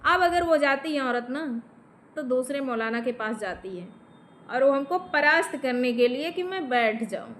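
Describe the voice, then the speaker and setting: A woman with a high voice and a Bhojpuri accent talks straight into the camera, confrontational and emphatic. She speaks to an absent man and keeps checking with short tag questions. There is a faint background hum. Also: lively intonation, normal speed, fairly bright tone. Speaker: vlogger. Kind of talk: direct-to-camera vent.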